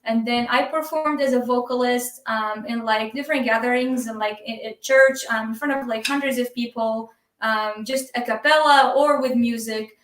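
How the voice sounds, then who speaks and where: A woman with an Iraqi Arabic accent chats easily as a live stream guest, laughing often and filling pauses with ums. Her voice sits a little high and sounds bright and clear. She is heard on a video call from an echoey room, set back from the microphone. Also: steady tone. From Iraq. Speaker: guest drummer. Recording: echoey room, distant from the mic.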